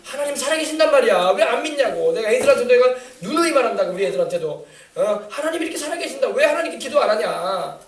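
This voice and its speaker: Fast, high-voiced pastor in an echoey church. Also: male voice, sing-song. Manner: emphatic, repetitive, exhorting. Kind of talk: sermon with call-and-response. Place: church sanctuary. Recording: echoey room, mic at a distance.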